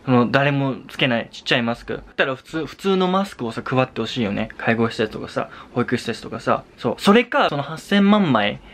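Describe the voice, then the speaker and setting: A man's voice: mid-range voice, animated, fairly quick, hardly any pauses, a bit bright. Young Japanese man ranting casually. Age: young adult. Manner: exasperated, repetitive, switching into English swearing. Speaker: vlogger and Japanese tutor. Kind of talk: casual vlog rant.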